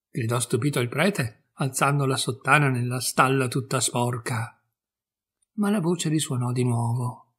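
Husky-voiced man reading a fairy tale. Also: mid-range voice. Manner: expressive storytelling. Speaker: storyteller.

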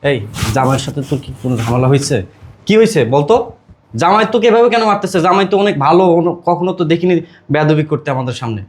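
A performer playing a calm middle-aged husband and father, mild and placating. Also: mid-range voice, very fast, lightly acted.

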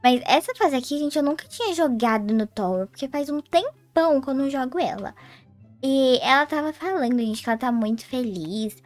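A woman's voice: sits high, animated, moderate pace, faint music behind. A young Brazilian woman with a Brazilian Portuguese accent, chatting casually to viewers as she plays a game, with sing-song greetings. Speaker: gaming YouTuber. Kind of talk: casual gameplay commentary.

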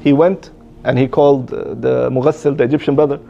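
A man telling a religious story in a casual, halting way, with many restarts and Arabic phrases, on a dull lo-fi recording. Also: mid-range voice, flat delivery, vocal fry.

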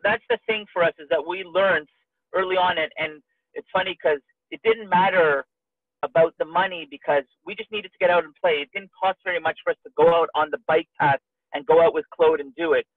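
A man co-hosting a webinar, giving an upbeat, persuasive motivational pitch and asking his listeners questions. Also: steady tone, fairly quick, no echo. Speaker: webinar co-host. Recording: dry, tinny call audio.

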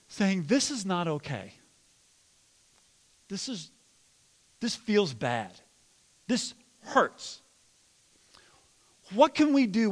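Pastor, male, high voice, conversational sermon to a congregation; long church reverb. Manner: addresses congregation with questions and mock yelling. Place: church sanctuary.

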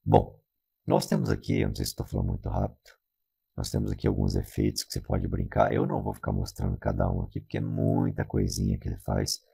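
A Brazilian man narrating a casual software tutorial through a robot voice changer that makes him sound half robot. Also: extremely low pitch, fast, gravelly, husky. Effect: robot voice changer, flat and buzzy.

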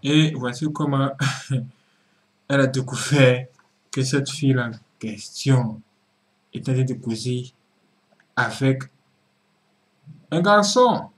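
A male commentator at a mid pitch who breaks into the story to sum up what happened. He talks straight to the audience and moralizes as he goes. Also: level tone, slow, pauses often. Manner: moralizing, addresses viewers directly. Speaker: show commentator. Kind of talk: narrated commentary.

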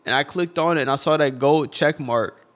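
Tearful young man, halting and heartfelt. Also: on the high side, a bit bright. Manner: halting, repeating words, slangy and heartfelt. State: close to tears. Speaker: video creator. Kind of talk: emotional tribute vlog. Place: his own room, among collectibles.

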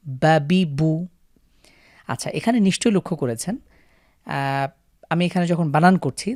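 A man's voice: on the high side, a little mellow, dry recording, studio quality. Patient male Quran reading teacher. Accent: Bangladeshi Bengali. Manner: patient, drills syllables slowly and repeats them. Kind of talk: recorded lesson.

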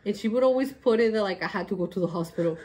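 A young woman co-hosting a casual chat podcast, blunt and quick to laugh, with lots of "like" fillers. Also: mid-range voice, a little mellow. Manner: blunt, laughs often, says "like" a lot. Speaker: podcast co-host.

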